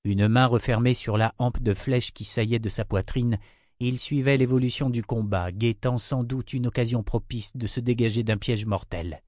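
A man reading a fantasy audiobook in a measured, steady narration. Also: medium pitch, dry recording, studio quality.

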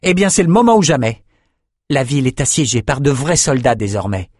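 A man's voice: mid-range voice, big pitch swings, a little fast, a little mellow, no echo, voice pushed up. A man putting on a proud young swordsman in a storybook reading, cutting and sarcastic, his voice raised well above the reader's own, recorded close and dry. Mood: defiant.

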